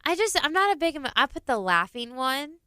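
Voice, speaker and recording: Guest, thirties, Texan, laughs a lot, bright and clear, slightly high. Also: female voice, big pitch swings, quick pace, no echo, clean studio sound. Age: 30s. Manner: chatty, laughs often. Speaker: studio guest. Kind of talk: casual radio chat.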